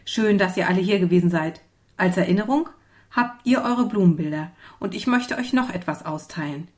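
A woman's voice: on the low side, normal speed, lightly acted. A woman doing a kind schoolteacher. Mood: welcoming. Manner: warm, encouraging, speaking to small children. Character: friendly female schoolteacher, welcoming and patient.

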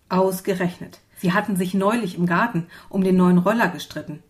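Calm woman reading a children's story. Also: on the low side. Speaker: narrator.

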